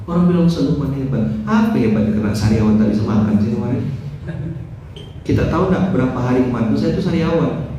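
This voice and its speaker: A man giving a lively, joking dawn sermon and putting rhetorical questions to his listeners. He is getting over mouth ulcers and speaks with care. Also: mid-range voice, quick pace, lo-fi sound. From West Kalimantan, Indonesia. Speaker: preacher. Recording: roomy, distant mic, faint background noise.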